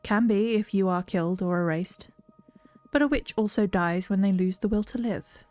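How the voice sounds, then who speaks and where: A woman voicing a calm, aloof undead witch in a video game, reading in a slow, measured, low voice. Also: no echo, close to an everyday voice. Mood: solemn.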